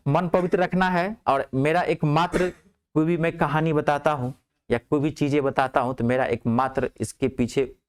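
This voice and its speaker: A male teacher telling a humorous story to his class, chatty, with phrases repeated for effect. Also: mid-range voice.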